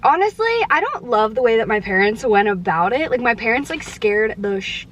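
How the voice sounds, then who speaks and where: A young woman with a slightly high voice talks candidly to her viewers, leaning on "like" as she goes. She is eating while she answers, now and then with her mouth full. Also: very animated, moderate pace, a bit bright, lo-fi sound, slight background noise. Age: young adult. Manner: chatty and candid, heavy use of "like". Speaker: vlogger answering viewer questions. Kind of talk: casual chat.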